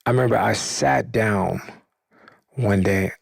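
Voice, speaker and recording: A man hosting a podcast, telling a story in slangy, profane casual talk and acting out what people said in a higher voice. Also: takes it slowly, vocal fry, breathy edge, no echo. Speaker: podcast host.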